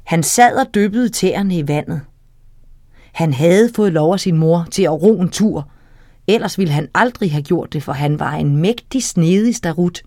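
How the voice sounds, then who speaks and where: A woman reading a children's story aloud, lively and talking straight to the young listener. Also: fairly low pitch, no echo, clean studio sound.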